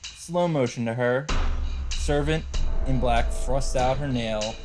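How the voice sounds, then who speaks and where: A man offers casual let's play commentary, reading visual novel narration aloud in a halting, rambling way. His voice is medium in pitch, and music plays underneath.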